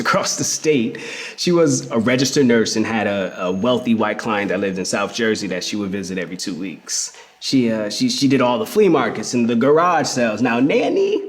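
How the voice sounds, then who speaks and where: An actor with a natural voice on the low side plays a reflective queer man fondly recalling his hustling grandmother, his mood fond and playful. The dramatic memoir reading runs over music as a theatrical first-person monologue, told conversationally with emphatic storytelling, pauses and repeated words.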